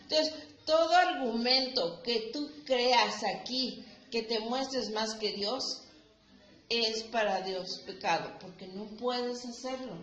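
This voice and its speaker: Woman pastor preaching a Sunday sermon, unhurried and emphatic, voices people's prayers; roomy church echo, slightly muffled, faint hiss. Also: a little high, a bit bright. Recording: echoey church room, dull sound, faint hiss.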